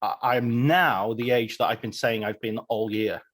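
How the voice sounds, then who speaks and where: A man's voice: medium pitch, fairly even intonation, normal speed, fairly bright tone. A man in his forties hosting an interview, chatty and friendly, laughing often as he asks questions. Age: 40s. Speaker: host.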